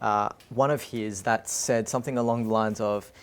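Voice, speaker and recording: A man's voice: on the low side, steady tone, normal speed, smooth. A friendly, upbeat man from Australia with an Australian accent, chatting casually in a vlog and giving a motivational talk as a design speaker. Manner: friendly, upbeat, chuckles often.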